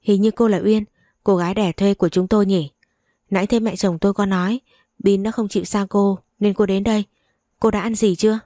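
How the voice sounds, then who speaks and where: A smug rich wife who speaks politely but leans on certain words with open sarcasm, as a woman narrator reads her. The voice is mellow and warm, set in a dry, close recording for an audio story. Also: medium pitch, steady tone, no room sound, natural voice. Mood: mocking. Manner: sweetly sarcastic, drawn-out stress. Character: wealthy wife, smug and mocking.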